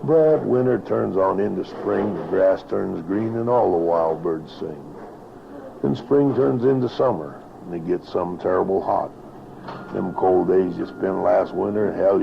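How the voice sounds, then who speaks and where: A man with an American West accent reciting cowboy poetry in a plainspoken, rhythmic rhyming way, with a gravelly voice. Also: low-pitched. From northern Arizona, United States. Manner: plainspoken, rhythmic rhyming delivery with folksy ranch grammar. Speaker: cowboy poet. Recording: dull lo-fi, steady background noise.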